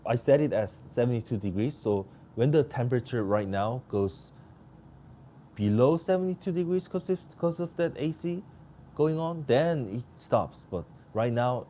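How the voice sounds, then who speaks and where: A man gives casual live commentary on a soccer match from a room at home. His voice is mellow and a little worn, and he yawns through long rambling asides. A quiet air-conditioner hum runs under everything he says. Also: mid-range voice, normal speed. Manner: chatty, rambling, bursts of excitement at chances. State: tired, yawning. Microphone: home mic without noise canceling.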